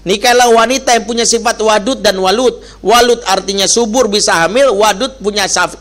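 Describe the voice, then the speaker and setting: Guy preaching, middle-aged, kinda high voice, jokey and animated, does little voices and recites arabic. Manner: animated, joking, acts out quoted dialogue, recites Quranic Arabic. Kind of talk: lively Islamic sermon.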